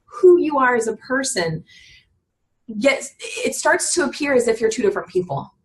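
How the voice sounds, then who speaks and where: On a rough recording with slight background noise, a woman in her thirties speaks as a business podcast guest. Her voice is on the high side with big pitch swings at a normal speed; earnest and reflective, she keeps restarting sentences and saying "you know."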